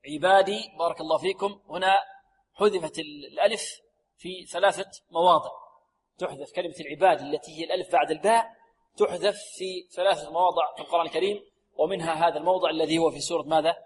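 A man teaching Quran recitation on the radio, stretching words slowly to demonstrate sounds and then explaining briskly. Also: on the high side, steady tone, in a large hall, slight background noise. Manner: slow drawn-out demonstration of sounds, repeats words; brisk explanations between examples. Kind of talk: tajweed lesson on radio. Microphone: recorded for radio.

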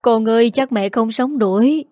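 A woman's voice: on the high side, normal speed, mellow, no room sound, clean studio sound, lightly acted. A woman voicing a grieving, harsh grandmother in her eighties who wails and scolds. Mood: grieving, scolding. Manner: wailing, scolding.

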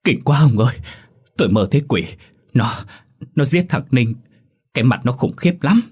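A man's voice: on the low side, expressive, a little fast, breathy edge. A man voicing a terrified village mother near sixty, pleading and sobbing in a raised, strained voice. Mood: frightened.

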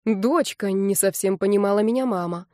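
A woman reading a first-person audiobook narration in a wry, lively storytelling manner. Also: medium pitch, a little fast, no room sound, clean studio sound.

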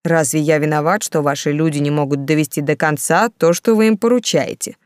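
A woman's voice: low voice, normal speed, no echo, clean studio sound, close to an everyday voice. Woman playing a drawling, sardonic young count. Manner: drawling, sarcastic. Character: lazy sardonic young count, fond of wine.

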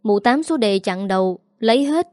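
A woman's voice: on the high side, lively intonation, normal speed, a little mellow, no room sound, clean studio sound, lightly acted. A woman voicing a sulky, evasive 22-year-old son in gambling debt.

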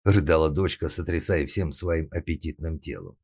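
Deep-voiced male audiobook narrator. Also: normal speed, breathy edge, no echo, studio quality.

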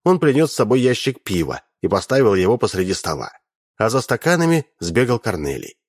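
Lively low-voiced male narrator. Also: a little fast, breathy edge, no room sound, clean studio sound. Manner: animated storytelling. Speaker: audiobook reader. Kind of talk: expressive audiobook narration.

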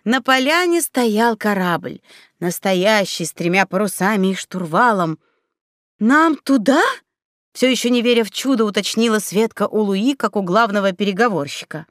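A woman narrating a fairy tale audiobook with expressive, playful storytelling on a close mic. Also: mid-range voice, normal speed, no echo.

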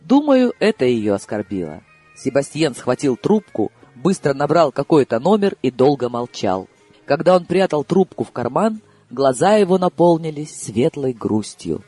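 A man narrating an audiobook in the first person, expressive and storytelling. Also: on the high side, moderate pace, breathy edge, dry recording, soft background music. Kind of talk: scripted narration.

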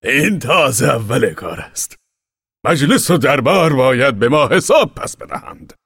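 A man's voice: high-pitched, huge pitch swings, creaky, husky, dry recording, studio quality, pitched above the performer's own voice, heavily acted. A man doing a fiery old exiled commander. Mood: fiery, rousing. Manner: declaiming, slow and loud.

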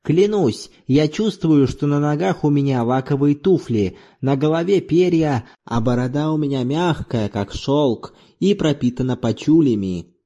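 An earthy, boisterous old laborer spins his tales in an audiobook, as a male reader puts him on. His pitch swings widely and his tone stays warm and mellow. He speaks in loud exclamations and teasing asides. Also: animated, measured pace, hardly any pauses. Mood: exuberant. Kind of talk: audiobook reading.

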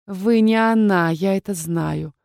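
A woman reading an audiobook, voicing a frail, gentle former female warden who sounds resigned and pleading. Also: medium pitch, a little slow, gravelly, no echo, studio quality. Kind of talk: audiobook character voice.

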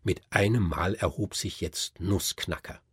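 A man reading an audiobook in expressive, lively storytelling narration. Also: low voice, unhurried, slightly rough, no room sound, clean studio sound. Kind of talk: scripted narration.

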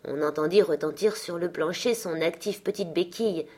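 A woman narrating a classic story as an audiobook, with a lively, expressive reading. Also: fairly low pitch, moderate pace. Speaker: audiobook reader.

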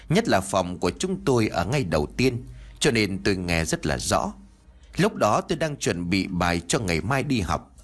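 A man reading a first-person ghost story in a dramatic, emotive way. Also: lowish voice.

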